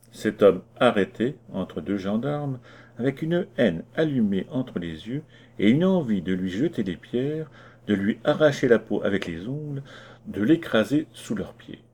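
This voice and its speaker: Slow, dark-voiced male storyteller. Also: on the low side, breathy edge. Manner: measured, expressive storytelling. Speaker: audiobook narrator. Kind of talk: scripted narration of a classic short story.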